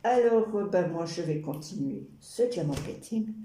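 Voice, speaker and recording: A woman's voice: fairly low pitch, animated, normal speed, mellow. A woman chatting casually and ramblingly to her viewers while she crafts, with playful asides. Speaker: YouTube craft vlogger. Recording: roomy echo, noisy background with clicks.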